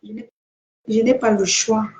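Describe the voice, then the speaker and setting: A woman's voice: on the high side, flat delivery, measured pace, a little mellow. A woman chatting live with viewers, greeting them and reading their comments, laughing often and chanting names in a sing-song way. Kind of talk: casual live-stream chat. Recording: echoey room.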